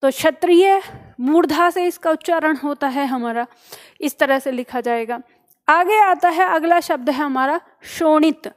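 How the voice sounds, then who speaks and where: A woman's voice: high voice, measured pace. A woman teaching a spelling lesson to exam students, explaining step by step and often checking that they follow. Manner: asks questions and answers them herself. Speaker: Hindi teacher.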